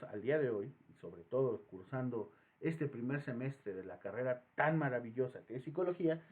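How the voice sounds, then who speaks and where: A man with a Mexican accent giving a psychology lecture as the professor, animated and acting out voices in his examples. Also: on the high side. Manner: animated, acts out voices in anecdotes. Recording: tinny phone-like audio.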